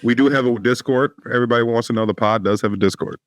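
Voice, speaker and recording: A man's voice: medium pitch, very fast, dry recording, clean studio sound. A man co-hosting a podcast, debating casually in street slang with some swearing. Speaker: podcast co-host.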